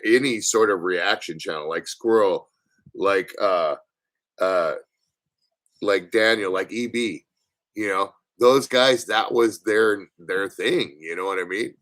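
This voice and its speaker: A livestream host with a lowish but fairly bright voice chats casually with his audience, rambling and teasing them playfully. His talk is loose, packed with fillers and false starts.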